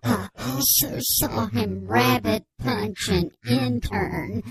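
A man playing a grave, anonymous male whistleblower on a radio comedy bit, his voice electronically disguised, giving slow, solemn deadpan testimony. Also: extremely high pitch, creaky, slightly rough, dry recording, clean studio sound, full character voice. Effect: disguised voice, electronically altered. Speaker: anonymous informant caller.

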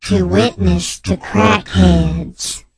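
A man playing an anonymous male informant on a radio comedy bit, his voice electronically disguised, telling absurd events in a slow deadpan. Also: high voice, breathy edge, dry recording, heavily acted.

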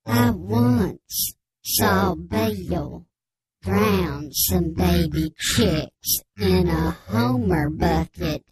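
A man playing a grave, anonymous male whistleblower on a radio comedy bit, his voice electronically disguised, giving slow, solemn deadpan testimony. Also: sits high, crowd noise, heavily acted, rough recording. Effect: disguised voice, electronically altered. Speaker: anonymous informant caller.

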